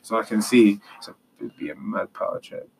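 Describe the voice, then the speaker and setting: A man's voice: fairly low pitch, normal speed, gravelly, darkish tone, recorded from a distance, a little hiss or hum, poor audio. A young man with a London roadman accent, chatting casually in emphatic street slang. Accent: London, urban street slang. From London, England. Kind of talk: casual group chat.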